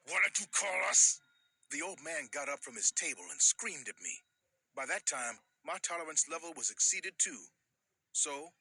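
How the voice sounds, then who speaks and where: Bright-voiced man narrating an animated story, lively and disgusted. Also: medium pitch, a little hiss or hum. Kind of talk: first-person scripted narration.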